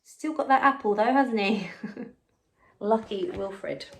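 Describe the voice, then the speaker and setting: Taking her time, a primary teacher with a creaky, medium-pitched voice reads a story to her pupils. She reads with expression and encouragement, stopping for casual asides and to ask the children questions.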